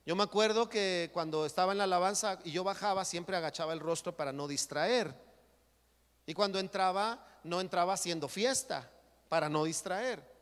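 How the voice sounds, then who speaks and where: High-voiced preaching man in a reverberant hall. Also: normal speed, smooth. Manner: animated preaching, acting out complaining church members. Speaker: pastor. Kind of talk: sermon. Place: church sanctuary. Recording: long church hall reverb.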